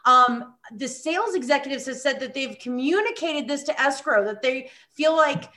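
A woman's voice: sits high, moderate pace, pushed and bright. A woman hosting a podcast, upbeat and enthusiastic as she introduces her guests and asks questions. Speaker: podcast host. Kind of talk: podcast interview.

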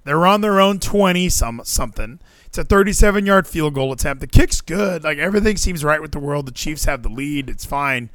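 A podcast co-host chats casually and animatedly about a football game, with plenty of fillers and swearing. His voice is slightly high, expressive, fairly quick and a touch bright, recorded with no echo.

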